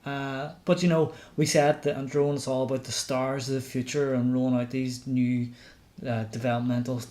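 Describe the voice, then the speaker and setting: A man's voice: medium pitch, flat delivery, normal speed, a little mellow. A man co-hosting a podcast, easygoing and rambling. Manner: easygoing, laughs along, rambling. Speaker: podcast co-host. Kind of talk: casual wrestling podcast chat.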